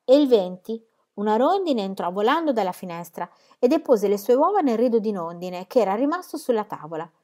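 A woman reading a children's story aloud, calm and expressive. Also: medium pitch, fairly quick, hardly any pauses. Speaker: reader. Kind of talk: audiobook reading.

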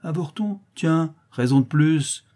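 A man's voice: a little high, slow pace, dark tone, voice pushed up. A man voicing a lame, mocking boy who taunts cruelly in a sing-song way. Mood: taunting.

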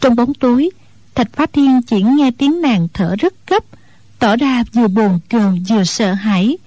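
A woman narrating a martial-arts novel in a steady storytelling voice. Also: a little high, a little slow, dry recording.

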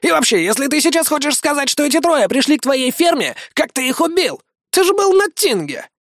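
A man puts on a boastful young warrior who yelps and protests in a sharply raised, strained pitch. Every line comes out loud and indignant, as if always shouting down the crowd. The audiobook sound is close and dry. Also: big pitch swings, a little fast, no echo, heavily acted. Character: boastful shrill young male braggart warrior.

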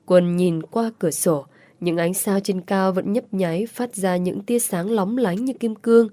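A woman reading a story aloud in a measured, emotive narration. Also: medium pitch, dark tone, no room sound. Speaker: audiobook narrator.

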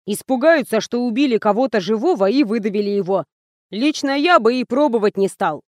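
A woman's voice: a little high, animated, brisk, darkish tone, dry recording, studio quality, close to an everyday voice. A woman doing a stuffy-nosed sick cameraman. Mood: timid. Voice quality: nasal, stuffy. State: sick with a cold. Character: male camera operator with a heavy cold.

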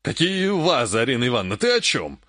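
A man reading an audiobook, voicing an emperor who speaks softly and in a measured way. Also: mid-range voice, very animated, dry recording, clean studio sound. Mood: mild placating. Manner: soft, placating, measured. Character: calm, mild-mannered male emperor, later irritated.

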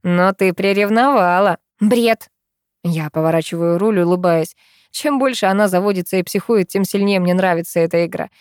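A woman reading an audiobook in an even storytelling manner, telling it as a male first-person narrator. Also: on the low side, fairly quick, smooth, no room sound, clean studio sound. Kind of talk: scripted narration.

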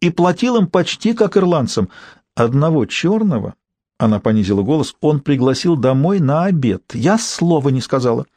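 A man's voice: on the high side, big pitch swings, moderate pace, darkish tone, dry recording, voice pushed up. A man reading the part of a prim, conventional middle-aged wife with a tutting manner. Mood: confiding.

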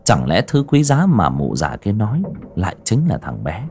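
A man narrating a horror audiobook in a dramatic, expressive way. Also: fairly low pitch, moderate pace, creaky, a little hiss or hum. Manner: expressive, rising and falling with the drama.

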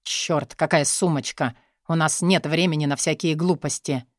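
A woman's voice: low-pitched, fairly even intonation, moderate pace, no room sound, studio quality. A woman doing a snarling brutal henchman. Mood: impatient. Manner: barking, snarling commands. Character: brutal male henchman, short-tempered and threatening. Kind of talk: audiobook character voicing.

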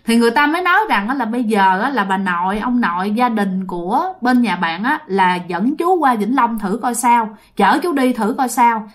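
A woman's voice: a little high, moderate pace, few pauses. A woman with a Southern Vietnamese accent telling a ghost story, speaking straight to her listeners. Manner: lively, addresses listeners directly.

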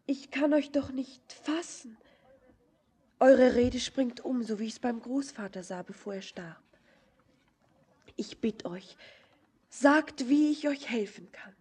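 Anna, a husky innocent girl. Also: on the high side, animated, measured pace, mellow, full character voice. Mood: bewildered, pleading. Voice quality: husky, tremulous, breathy whispers. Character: young woman Anna, innocent daughter of a miner's household. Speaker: actress in a radio play. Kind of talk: verse radio drama acting.

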